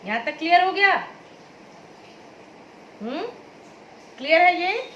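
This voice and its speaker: A woman teacher giving a grammar lesson, patient, repeating key words and asking if it is clear. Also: very high-pitched, expressive, slow pace, a bit bright, reverberant, lo-fi sound, slight background noise. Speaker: school teacher. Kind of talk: classroom Hindi grammar lesson.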